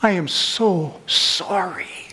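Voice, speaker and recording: A man's voice: high voice, very slow, bright, forceful tone, heavily acted. A man voicing an arrogant middle-school boy in a sermon story. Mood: remorseful.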